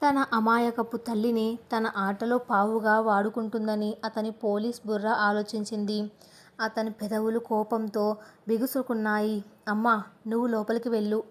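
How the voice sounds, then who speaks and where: A woman narrating an audio story in an even, measured reading. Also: on the high side.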